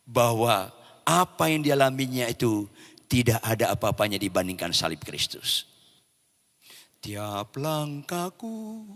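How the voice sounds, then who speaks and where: A male pastor preaching a sermon, telling a story with dramatic swings from hushed tones to shouting and acting out the voices of its people. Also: medium pitch, in a large hall.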